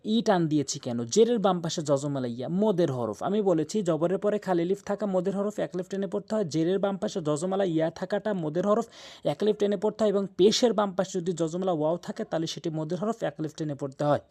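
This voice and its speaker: Male recitation teacher, dark fairly high voice, slow drawn syllables then brisk explanation. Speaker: Quran reading teacher. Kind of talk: Quran recitation lesson.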